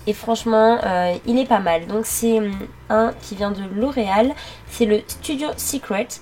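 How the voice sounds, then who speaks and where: A young woman narrating her makeup routine step by step, pausing often with fillers as she works. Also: fairly high pitch, a little mellow, slight background noise. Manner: halting, many fillers while working. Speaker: beauty vlogger. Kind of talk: makeup tutorial voice-over.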